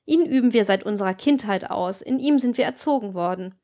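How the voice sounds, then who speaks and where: A woman's voice: medium pitch, lively intonation, brisk, warm tone, lightly acted. A woman voicing a cynical, hard-hearted older female gang leader, lecturing with scorn. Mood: scornful.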